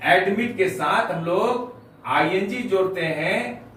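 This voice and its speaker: Male teacher, high voice, methodical letter-by-letter delivery; distant mic in a very echoey room with faint noise. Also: expressive, fairly bright tone. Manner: slow, spells words letter by letter. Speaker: English teacher. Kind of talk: grammar lesson explaining rules.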